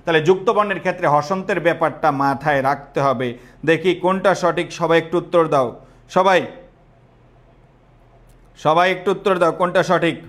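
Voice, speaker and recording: A young man teaches an online exam-prep class. His voice sits fairly high for a man. He repeats key terms and keeps putting questions to his students. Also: a little fast, long pauses, a bit bright.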